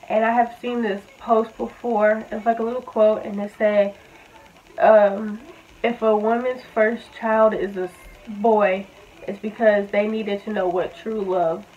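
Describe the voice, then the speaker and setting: A woman's voice: on the high side, a little mellow, muffled recording, slight background noise. Chatty young woman telling her story. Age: young adult. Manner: chatty, filler-heavy, says "like" often. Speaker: vlogger. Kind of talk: casual storytime.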